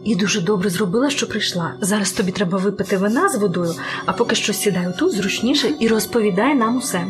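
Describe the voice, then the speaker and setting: An actress playing a caring wife in a radio play, speaking softly and reassuringly. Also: female voice, medium pitch, quick pace, music in the background, close to an everyday voice. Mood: tender. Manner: soft, warm, reassuring.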